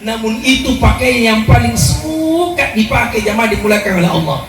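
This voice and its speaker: A high-pitched man preaches to a gathered congregation, pressing each point hard and rising to shouts. His voice rings through a very echoey hall, picked up from a distance with music playing behind. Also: lively intonation, normal speed. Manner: emphatic, repeats his address to the congregation. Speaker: Islamic preacher. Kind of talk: sermon to a congregation.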